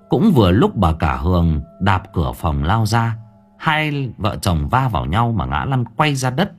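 Guy reading a spooky story, husky, swings his pitch all over, faint music. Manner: dramatic, highly expressive storytelling. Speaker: audiobook narrator. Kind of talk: scripted horror narration.

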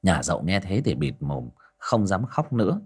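A man tells a village ghost story in a low, husky voice. His intonation swoops widely for drama. Faint music plays behind him. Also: very animated, moderate pace, a little mellow.

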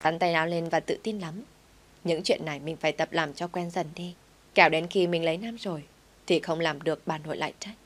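A woman narrating an audio story in a steady, plain reading voice. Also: low voice, brisk.

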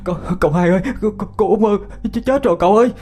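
Male narrator doing a terrified stuttering servant lad, voice jumping very high, soft music behind. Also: rapid-fire, close to an everyday voice. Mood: panicked. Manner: stammering in panic. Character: panicked stammering young male servant.

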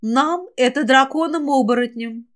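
A woman voicing a calm, aloof young woman who is a dragon shapeshifter in a fantasy audiobook, speaking matter-of-factly. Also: high-pitched, moderate pace, pitched above the performer's own voice, close to an everyday voice.

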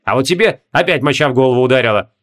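A man's voice: mid-range voice, animated, very fast, a bit bright, lightly acted. A man reading an audiobook voices a big, jovial male sorcerer who teases his friend with lazy banter. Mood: teasing.

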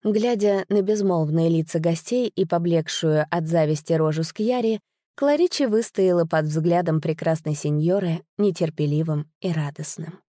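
Recorded in studio quality with no room sound, this story audiobook is told expressively by a woman whose voice is on the low side and whose speed is normal.

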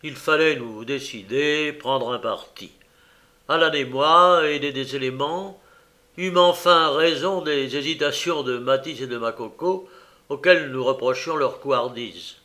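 Slow, expressive male storyteller. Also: medium pitch. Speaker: audiobook reader. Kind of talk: scripted narration of a fantasy short story.

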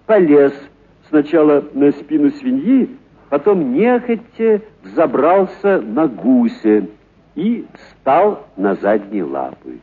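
A man narrates a literary story for radio, expressive and theatrical, lingering on certain words. His mid-range voice is husky and narrow, and the audio sounds tinny.

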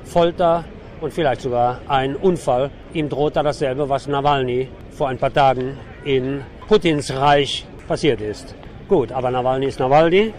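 Reporting for radio on location at a demonstration on a city avenue, a man speaks with an opinionated, sardonic edge. His voice is medium-pitched, moderately paced and slightly mellow, and the recording picks up clear street and traffic noise.

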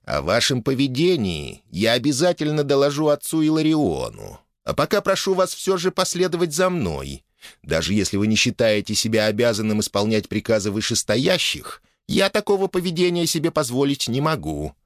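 A man reading an audiobook, voicing a weary male church official who speaks slowly and formally, weighing each word. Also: medium pitch, very animated, dry recording, studio quality, pitched above the performer's own voice. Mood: stiff. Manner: slow, measured, grudging.

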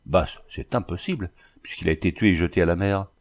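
A man voicing a rough, hard-drinking sailor henchman from an old adventure storybook. He answers his captain with coarse, blustering eagerness in a lowish voice. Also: a little fast. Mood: wary. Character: rough, boozy male sailor, loyal henchman.

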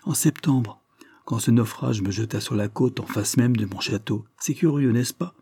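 A man reading the part of an older lord, mocking and secretive, speaking in a wry, measured way. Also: medium pitch, gravelly, warm tone, husky, no room sound.

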